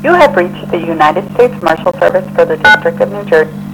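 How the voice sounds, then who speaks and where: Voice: medium pitch, fairly quick, music in the background. A recorded voicemail greeting voice, heard over a phone line, reading a formal office menu. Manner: even, formal announcement delivery.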